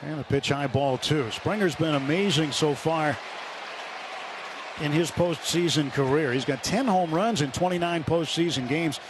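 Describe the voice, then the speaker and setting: Calling live baseball for radio, a man speaks at a moderate pace in a slightly high voice. The recording carries loud ballpark crowd noise and stadium ambience.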